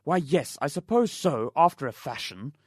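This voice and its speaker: A man doing a sharp, irritated old doctor. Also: on the high side, sing-song, moderate pace, husky, no echo, studio quality. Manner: sharp, cutting, exasperated. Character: irritated older male family doctor.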